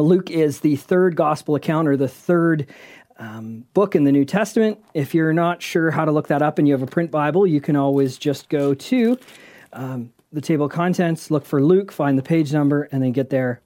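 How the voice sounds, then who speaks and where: A male pastor opening a sermon in a friendly, explanatory way. His voice is warm and dark. He reads the scripture aloud at an even, measured pace. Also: fairly high pitch.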